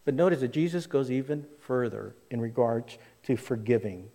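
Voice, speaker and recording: A man's voice: mid-range voice, animated, normal speed, dark tone, big-room sound. A man pastor preaching a sermon into a pulpit microphone in a church, talking to the congregation in a conversational way, his voice rising and falling for emphasis. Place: church sanctuary.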